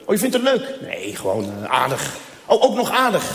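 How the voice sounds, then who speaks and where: A man voicing his suspicious, fed-up wife, who speaks in sharp accusing questions, live in an echoey hall. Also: low-pitched, huge pitch swings, moderate pace, heavily acted.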